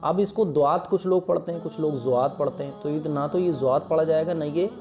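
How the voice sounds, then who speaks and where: A man's voice: fairly high pitch, over music. A man teaching the Arabic letters as a Quran lesson, patiently stretching each letter sound and checking in often with his listeners.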